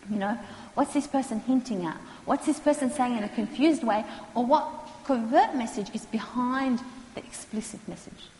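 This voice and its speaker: A woman, calmly explaining counselling skills to students and acting out what clients say. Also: fairly high pitch. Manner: calm, measured, acts out client quotes. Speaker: counselling lecturer. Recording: echoey hall, faint noise.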